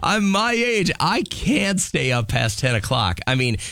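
A man's voice: on the high side, big pitch swings, a little slow, vocal fry, bright, forceful tone, dry recording, clean studio sound. A middle-aged man, co-hosting a casual morning radio show, laid-back and chuckling often. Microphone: studio microphone.

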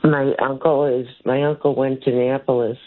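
A woman from St. Louis, calling in over a phone line, talking in a halting, rambling way that trails off mid-sentence. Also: rumbling low, flat delivery. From St. Louis, Missouri. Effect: heard over a phone line. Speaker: caller. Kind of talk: call-in radio talk.

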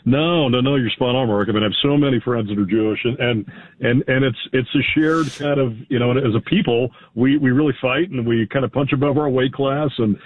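A man from the United States calling in to a radio show, earnest and halting, often restarting his sentences. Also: medium pitch, dry recording. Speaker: caller. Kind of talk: phone-in call. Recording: tinny phone line.

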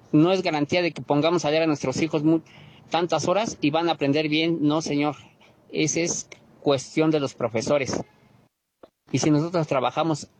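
A man with a Mexico City Spanish accent leaves a voice message for a radio program on his phone. His voice sits a little high for a man, and his tone is indignant and lecturing as he keeps returning to the same points. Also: low-quality recording. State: leaving a recorded voice message for a radio show. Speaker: radio caller. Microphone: phone voice note.

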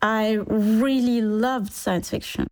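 A woman in her forties, born in Sri Lanka, talking through her life story in a relaxed interview, acting out past conversations and laughing easily. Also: fairly high pitch, takes it slowly. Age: 40s. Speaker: engineer and startup founder.

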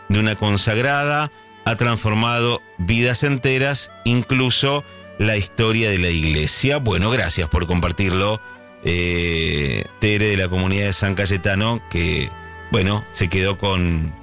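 A man with an Argentine accent hosting a late-night call-in radio show, musing and reminiscing at an easy pace. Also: low voice. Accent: Argentine Spanish. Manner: musing, reminiscent, relaxed, speaks over soft music. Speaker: radio host. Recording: faint music behind.

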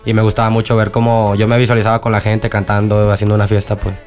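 Fast-talking young singer. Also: male voice, fairly low pitch, monotone, a little mellow, faint music behind. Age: 20s. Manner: storytelling, slangy and eager. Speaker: lead singer of a band. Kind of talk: casual interview talk.

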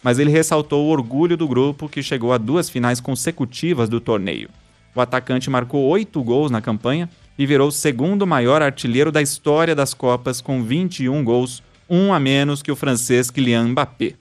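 A man hosts a news podcast, reading stories and listener messages aloud in a scripted style. His voice is medium-pitched at normal speed, with faint music in the background.

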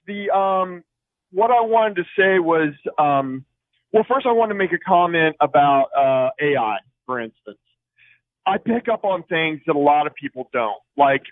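A man's voice: on the high side, no room sound. A man calling in to a talk show over a phone line, rambling with many fillers and restarts. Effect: phone line into a call-in show. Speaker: caller. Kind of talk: call-in radio chat. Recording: tinny phone line, dry.

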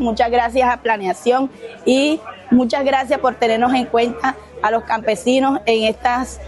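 A woman's voice: on the high side, darkish tone. A woman representing a farmers' group giving an earnest thank-you.

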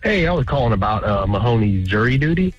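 Husky man leaving a phone voicemail. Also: medium pitch, sing-song, fast talker. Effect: voicemail message played over a phone line. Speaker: caller.

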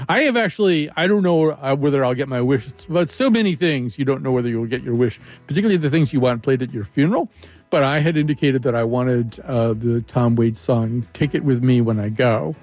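A call-in radio host with a medium-pitched, darkish voice talks casually, rambling wryly and frequently interrupting himself to restart sentences.

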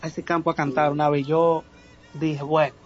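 Dominican male guest, halting speech, higher register, dull lo-fi recording. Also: flat delivery, husky. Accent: Dominican Spanish. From Dominican Republic. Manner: halting, many filler sounds. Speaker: guest singer. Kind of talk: casual interview.

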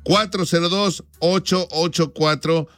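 A radio host with a steady, fairly bright voice on the high side speaks unhurriedly, joking with callers and reading live sponsor ads in chatty, slangy Mexican Spanish. There is no echo.

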